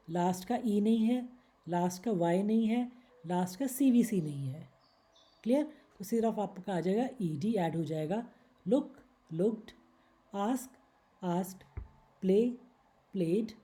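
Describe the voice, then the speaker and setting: A woman's voice: medium pitch, measured pace, long pauses, dark tone. A woman teaching English grammar in Hindi, patiently explaining rules step by step and reading out word examples. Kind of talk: slide-based Hindi grammar lesson.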